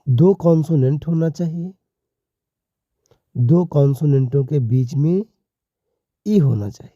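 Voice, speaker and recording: Guy teaching a lesson real slow and deliberate, dark mellow voice, kinda muffled lo-fi sound. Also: a little high, no room sound. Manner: deliberate, addresses viewers as "companions". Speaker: English teacher. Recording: dull lo-fi recording.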